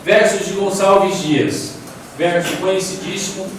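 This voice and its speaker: A man's voice: high voice, fairly even intonation, measured pace. A man giving a poetry lecture from slides, explaining step by step and asking the audience questions. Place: large echoey hall. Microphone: distant from the mic. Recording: echoey hall, distant mic, faint room noise.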